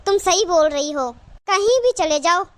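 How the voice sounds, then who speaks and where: A woman's voice: extremely high pitch, expressive, normal speed. A woman voicing a gossiping middle-aged neighbour woman in a cartoon. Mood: gossipy. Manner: gossipy, agreeing.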